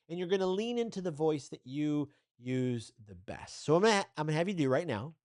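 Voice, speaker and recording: A man's voice: mid-range voice, darkish tone. A man teaching a recorded training lesson as a communication coach, speaking straight to the viewer in an upbeat, encouraging and loosely conversational way. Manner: loose and conversational, with fillers and restarts. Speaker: communication coach, course instructor.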